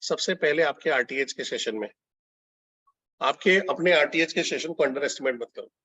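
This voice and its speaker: A man's voice: a little high, normal speed, pushed and bright, husky, dry recording. A man, a business consultant, giving a conversational training lecture to telecallers and putting questions to his audience. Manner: conversational, mixing Hindi and English, asks the audience questions. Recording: dull lo-fi sound, dry.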